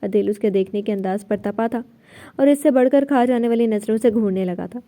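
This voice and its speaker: A woman's voice: medium pitch, warm tone. A woman narrating a novel aloud, reading every character's lines in her own voice.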